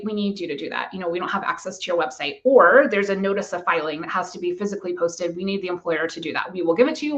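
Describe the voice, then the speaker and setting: A woman immigration lawyer giving a measured, methodical explanation to camera. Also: on the low side, a bit bright, poor audio.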